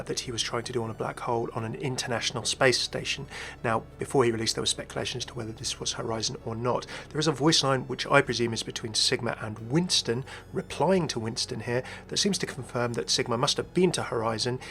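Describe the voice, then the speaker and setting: A man hosts video game lore commentary that sounds scripted, speculating aloud and turning to the viewer with conversational asides. His mid-range voice has vocal fry and a sharp tone.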